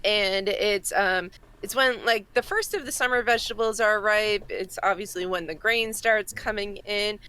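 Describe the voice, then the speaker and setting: A woman with a Massachusetts accent, co-hosting a casual podcast and explaining things in a halting, informal way. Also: mid-range voice, bright, forceful tone, smooth. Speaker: podcast co-host presenting a segment. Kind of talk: casual chat.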